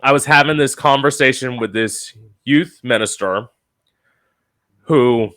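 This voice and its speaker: A man's voice: mid-range voice, a little slow, a bit bright. A man hosting a podcast, asking questions and sharing his own story. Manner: curious, asks questions, shares own story. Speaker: podcast host. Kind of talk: interview chat.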